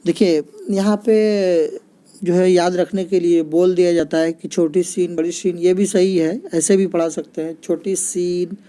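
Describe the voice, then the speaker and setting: A man who teaches Arabic letters to children explains reading patiently, often checking in with his listeners and repeating points with "ठीक है ना." His voice is high-pitched and mellow, with little pitch movement and a slightly slow pace.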